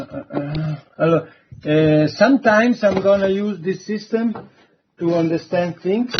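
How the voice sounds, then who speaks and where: A man's voice: sits high, dull audio, a little hiss or hum. A man giving an online introductory university lecture, hesitant and full of fillers. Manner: slow, hesitant, many fillers.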